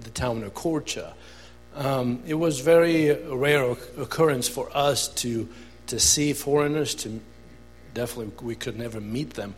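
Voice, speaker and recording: An Albanian-accented man shares his testimony before a congregation, earnest and a little halting. His voice is slightly husky, and a long hall reverb carries it, with faint music underneath. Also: medium pitch. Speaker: guest speaker. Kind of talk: church testimony.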